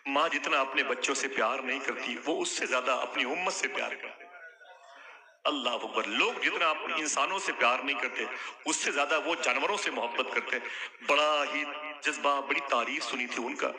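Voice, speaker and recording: A man giving an emotional sermon in storytelling style, acting out the dialogue and rising to loud calls to the gathering. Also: medium pitch. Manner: acts out dialogue, rises to loud calls to the crowd. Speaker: preacher. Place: gathering with a crowd. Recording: crowd audible behind the speaker.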